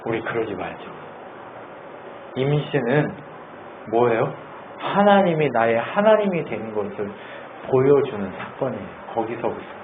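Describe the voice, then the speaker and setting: A male pastor preaching a sermon in an animated, conversational way, asking the congregation lots of questions. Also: medium pitch, measured pace, long pauses. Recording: tinny phone-like sound, faint hiss.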